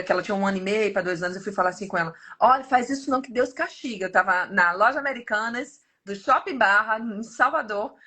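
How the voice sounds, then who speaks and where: A woman's voice: mid-range voice, husky. A woman in her fifties with a Brazilian Portuguese accent gives a casual devotional talk, often turning to her listeners as "gente". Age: 50s. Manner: animated, often turns to the audience as "gente".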